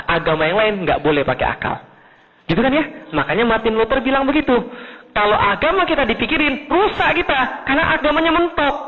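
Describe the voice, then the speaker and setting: A man from Indonesia delivers a lively religious lecture, talking quickly and asking his listeners rhetorical questions. His voice sits high and jumps between emphatic peaks and low asides. The recording is thin and phone-like, with a long reverb from a large hall. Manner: asks the audience rhetorical questions. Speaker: preacher. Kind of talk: Islamic lecture to an audience.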